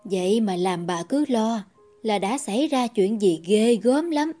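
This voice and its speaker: Male narrator doing a gentle fretting old granny, soft and pleading, pitched high and quiet. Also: animated, measured pace, soft background music. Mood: worried, coaxing. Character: gentle, worried old grandmother.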